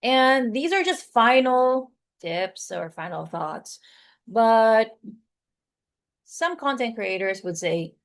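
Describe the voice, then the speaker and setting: A woman's voice: fairly high pitch, lively intonation, takes it slowly. Filipino lady in her 40s chatting through a presentation, lots of ums and likes, acts out little quotes. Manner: chatty, many fillers, acts out quoted lines. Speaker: content creator giving a talk. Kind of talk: conversational webinar presentation.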